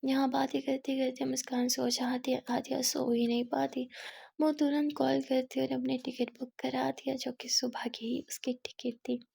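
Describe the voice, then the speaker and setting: A woman narrating a love story aloud, soft and often half-whispered, close to the mic. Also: high voice, little pitch movement, normal speed, creaky, breathy edge.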